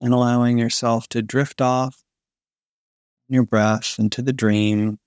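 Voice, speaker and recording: A man narrating a guided sleep meditation in a slow, soothing manner with long pauses, like a sleep story narrator. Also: medium pitch, little pitch movement, darkish tone, smooth, no echo, studio quality. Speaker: podcast host guiding a sleep meditation.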